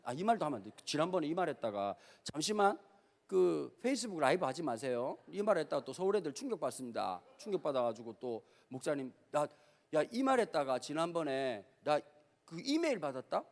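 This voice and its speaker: A middle-aged man with a Gyeongsang accent, preaching a lively youth-camp sermon as a pastor and telling stories with playful slang. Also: on the high side, fast talker, gravelly. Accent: Gyeongsang Korean. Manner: animated storytelling with acted voices and playful slang. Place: large hall at a youth camp. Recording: reverberant hall.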